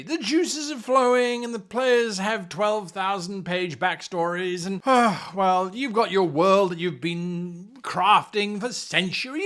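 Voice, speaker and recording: Hosting a tabletop game-mastering show, a man delivers an animated, scripted explainer straight to camera, leaning on theatrical, exaggerated emphasis. His voice is high and fairly bright.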